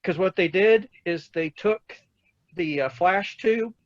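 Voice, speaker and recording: Guy with a pretty high voice chatting on a video call, dry muffled sound, keeps restarting. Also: takes it slowly, no room sound. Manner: chatty movie trivia buff, trailing restarts. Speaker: cosplay group member. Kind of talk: casual video call chat.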